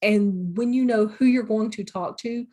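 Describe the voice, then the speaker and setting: Her recorded lecture comes in a mellow, unhurried, mid-range voice. The middle-aged college instructor stays practical and straightforward, pulling examples from her own teaching.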